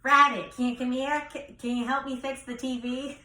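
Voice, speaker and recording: A woman's voice: sits high, level tone, normal speed, pushed and bright, echoey room, slight background noise. A young man imitating his elderly great-grandmother, who has a New York accent and calls out casually. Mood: calling out.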